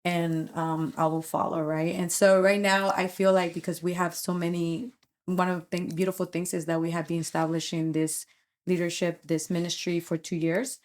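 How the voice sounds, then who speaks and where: A middle-aged woman with a noticeably low-pitched voice shares her thoughts on a podcast. She speaks earnestly and reflectively, pausing and restarting as she gathers her words. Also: flat delivery, darkish tone. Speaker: podcast co-host and youth ministry leader. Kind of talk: casual podcast chat.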